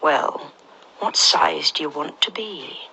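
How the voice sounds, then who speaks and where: A woman voicing an aloof, pipe-smoking caterpillar in a slow, sleepy and drawling voice for a storybook reading. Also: sits low, vocal fry, sharp tone, a little hiss or hum, heavily acted, poor audio. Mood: drowsy.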